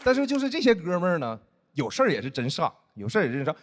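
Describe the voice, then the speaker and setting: A man performing a stand-up comedy set on stage, animated and acting out other people's voices. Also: on the high side, rapid-fire. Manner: animated, acts out friends' teasing voices. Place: stage before a live audience. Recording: noisy live show audio. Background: audience laughter.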